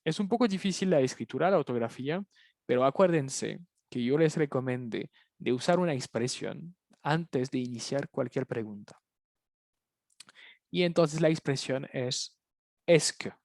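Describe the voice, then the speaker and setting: A man with a gravelly yet slightly mellow mid-range voice teaches an animated French review lesson online at a moderate pace. He explains in Spanish and patiently repeats phrases so his students can follow.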